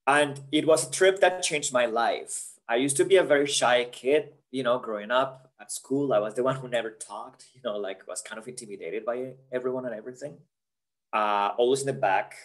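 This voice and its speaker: A man from Colombia, a career counsellor presenting an online webinar over a video call, earnest and chatty, dotting his talk with "yeah?" and "right?". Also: medium pitch.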